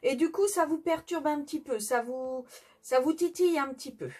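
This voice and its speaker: A woman's voice: high voice, moderate pace, dark tone. A French woman giving a casual tarot reading, chatty and hesitant with many fillers and restarts. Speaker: tarot reader. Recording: faint background music.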